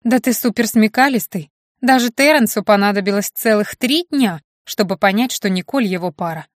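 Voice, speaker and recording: A woman's voice: medium pitch, moderate pace, no echo, natural voice. A sassy young witch from an audiobook, teasing and mocking with a cheeky edge, as a woman reads her. The voice sits dry and close to the mic.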